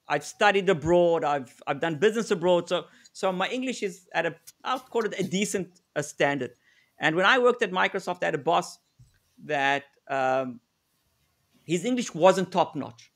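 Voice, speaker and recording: During a live video-call webinar, a middle-aged South African negotiation consultant speaks in a slightly high voice. His style is conversational, with words repeated as he thinks and sample exchanges acted out.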